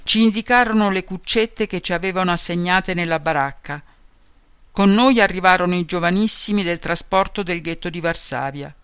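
A man reading a memoir aloud at a calm, measured pace. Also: high-pitched, clean tone, no echo. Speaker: reader of a memoir.

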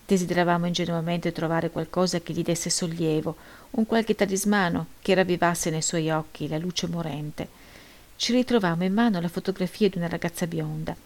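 A woman narrating first-person literary prose as an audiobook reader, with a measured, steady delivery. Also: lowish voice.

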